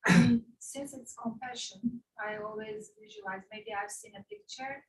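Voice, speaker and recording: A woman's voice: on the high side, moderate pace. A woman in a meditation class asking the teacher a question, hesitating and searching for words. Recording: distant from the mic.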